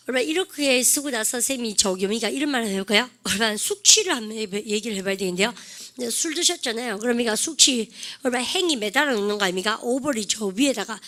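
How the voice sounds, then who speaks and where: Woman, English teacher, call-and-repeat drills, joking, slightly high voice. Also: a bit bright. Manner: prompts students to repeat phrases, jokes and laughs often.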